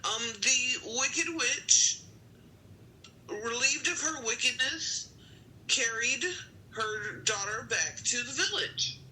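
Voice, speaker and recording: Woman, card-game storyteller, very bright and sharp tone, slow delivery, quick to get excited. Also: fairly high pitch, slight background noise, poor audio. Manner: easily excited, exclaims with delight. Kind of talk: casual storytelling game play.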